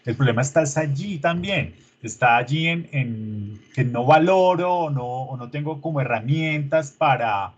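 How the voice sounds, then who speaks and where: A man's voice: medium pitch, animated, a little slow, few pauses, highs cut off. A man, a teacher coaching his students through an online rehearsal in an informal, coaxing way, full of diminutives.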